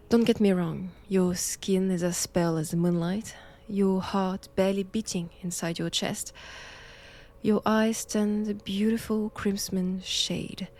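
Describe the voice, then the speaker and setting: In an intimate roleplay audio drama, a woman with a French accent plays a nun who holds someone captive, knowing and menacing. Her medium-pitched, slightly mellow voice teases in measured, formal, old-fashioned phrasing.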